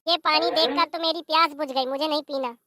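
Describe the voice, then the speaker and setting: A voice actor playing a meddling male friend visiting from abroad in an animated comedy, teasing and handing out advice. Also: sits high, a little fast, no echo, studio quality.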